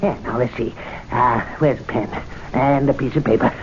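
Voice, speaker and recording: An actor playing Timothy, a meek club attendant who schemes aloud and is easily excited, in a 1970s radio drama. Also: male voice, medium pitch, normal speed, close to an everyday voice. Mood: scheming. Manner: excitable, muttering, plotting aloud. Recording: dull old radio broadcast, faint hiss.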